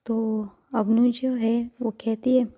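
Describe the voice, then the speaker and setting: A woman narrating a love story as a storyteller, speaking softly and often in a half-whisper. Her pace is slow and unhurried, her tone mellow. Her voice sits a little high. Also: little pitch movement.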